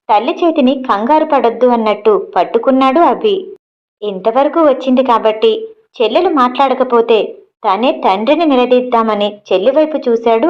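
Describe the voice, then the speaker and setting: A woman narrating a family audio novel in a steady, even reading voice. Her voice sits a bit high, and the lo-fi recording sounds dull. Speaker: storyteller.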